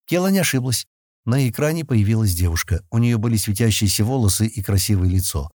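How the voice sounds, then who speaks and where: A man narrates an audiobook in an expressive storytelling manner. His husky voice moves in lively pitch swings. The recording is dry and close, with no room sound. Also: a little fast, no room sound.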